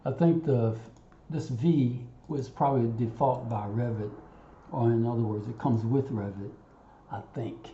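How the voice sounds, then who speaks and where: A man with a mid-range voice narrates an unscripted software tutorial over a screen recording, thinking aloud haltingly and muttering to himself as he goes. The audio is roomy and muffled, with audible background noise.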